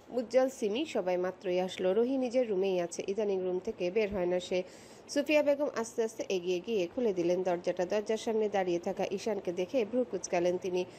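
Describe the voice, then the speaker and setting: A woman narrates a romantic drama in a steady, expressive voice. Her tone is warm and mellow, at an everyday middle pitch, with a faint hum of room ambience. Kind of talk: scripted story narration.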